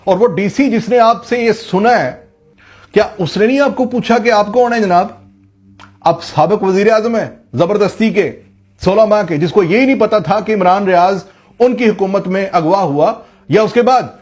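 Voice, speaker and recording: A man's voice: high voice, moderate pace, a little mellow. Impassioned sarcastic political commentator, man. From Pakistan. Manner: impassioned, sarcastic, rhetorical questions.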